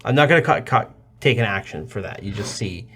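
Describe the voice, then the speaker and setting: A man running a tabletop game as dungeon master, explaining rules and monster turns in a matter-of-fact way with filler pauses. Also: lowish voice, expressive, fairly bright tone.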